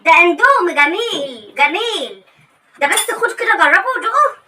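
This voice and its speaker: A woman's voice: extremely high pitch, animated, normal speed, recorded from a distance, heavy background noise. A woman voicing a cheeky, stubborn young wife in a comedy sketch, with an Egyptian accent and a coaxing, defiant manner.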